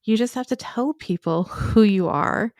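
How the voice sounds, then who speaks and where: A woman's voice: mid-range voice, a little slow, darkish tone, no room sound, clean studio sound. A woman who works as an educator, talking as a podcast guest in an earnest, emphatic way and often checking in with "right?". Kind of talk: podcast conversation.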